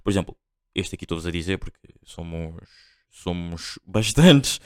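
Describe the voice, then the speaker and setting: A man's voice: low-pitched, animated, normal speed, darkish tone, clear, resonant tone. A young man with a European Portuguese accent, hosting a podcast and telling a story in a rambling, slang-heavy way with lots of fillers and restarts. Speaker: podcast host. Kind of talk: casual storytelling monologue.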